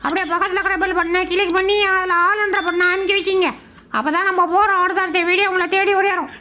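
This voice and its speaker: A woman's voice: very high-pitched, steady tone, quick pace, pushed and bright, a little hiss or hum. A woman dubbing funny inner thoughts of pets in a playful, teasing, chatty way. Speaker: comedy pet video narrator. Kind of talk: comic mind-voice dubbing of pets.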